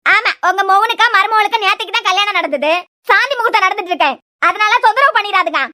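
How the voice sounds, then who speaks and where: A woman voicing a sharp-tongued grandmother and mother-in-law in a cartoon serial, speaking with a Kanyakumari Tamil accent and a nagging, scolding manner. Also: extremely high pitch, quick pace.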